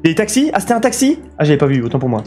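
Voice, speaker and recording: Young man from France, gaming stream commentary, excitable and swearing, slightly high voice, faint guitar music behind. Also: very fast. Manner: excitable, swears a lot, talks to chat. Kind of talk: live city-builder gameplay commentary.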